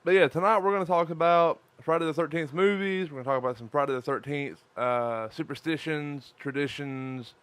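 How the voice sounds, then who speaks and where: Lisping man, clear voice, casual and crude. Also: on the high side, a little fast, hardly any pauses, fairly bright tone. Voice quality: lisp. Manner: crude, profane, joking. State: tired from lack of sleep. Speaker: podcast co-host. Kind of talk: casual live-streamed chat.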